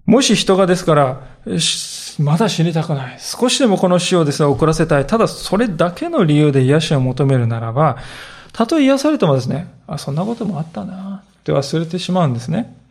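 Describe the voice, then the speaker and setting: Gravelly man preaching a sermon. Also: a little high, fairly quick. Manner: earnest, animated storytelling with acted quotes. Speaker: pastor.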